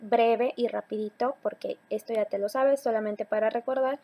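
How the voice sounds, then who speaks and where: A woman teacher giving a recorded slide lesson, talking patiently to her students and slowing down on key words. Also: a little high, fairly even intonation, muffled recording. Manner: patient, addresses students directly, slows to stress key words.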